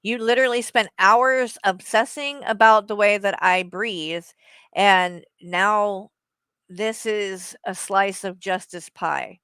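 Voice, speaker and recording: A woman streamer delivers heated live commentary, bluntly and profanely aiming her words at the person she's criticizing. She speaks slowly at medium pitch, her tone clean and a bit bright, with no echo.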